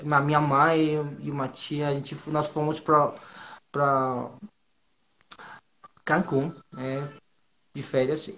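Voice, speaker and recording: On the high side and a bit bright, this man's voice comes with a little hiss or hum. He is from Monterrey in northern Mexico, speaks Spanish natively with a Mexican accent, and is a guest in a casual interview. He talks nervously and haltingly, with frequent repetitions and slangy tags.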